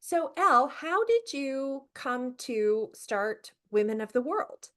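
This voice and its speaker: A woman's voice: sits high, big pitch swings, takes it slowly. A woman hosting a podcast interview, introducing her guest with enthusiasm. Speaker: podcast host.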